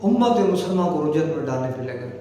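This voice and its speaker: High-voiced man preaching in echoey hall. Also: very animated, mellow. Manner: exhortative, uses rhetorical questions. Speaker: religious preacher. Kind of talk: devotional sermon to video viewers. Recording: echoey room with long reverb.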